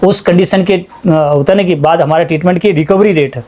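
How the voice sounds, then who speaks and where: Speaking a bit fast in a slightly high voice with a darkish tone, a male ayurvedic practitioner offers earnest testimony from a small clinic. He insists on his message, repeating it with emphasis.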